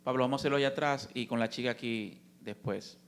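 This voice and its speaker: A man moderating a church Q&A, briskly calling on people. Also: medium pitch, slight background noise. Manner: directing, brisk.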